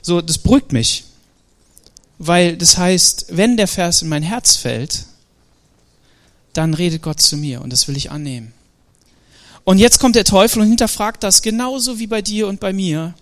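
A man preaching a Sunday sermon in a lively, animated way, with frequent fillers and hesitations. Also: high voice, normal speed, pauses often. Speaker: pastor.

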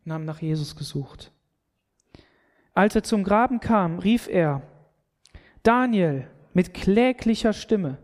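A man's voice: sits high, lively intonation, unhurried, a little mellow. A man preaching a sermon, retelling a scripture story and speaking earnestly, often repeating words as he presses his point.

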